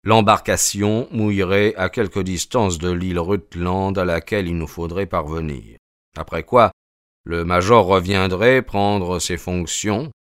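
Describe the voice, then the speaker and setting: Deep-voiced male audiobook narrator. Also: smooth, no echo, clean studio sound. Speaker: audiobook reader. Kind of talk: scripted first-person narration.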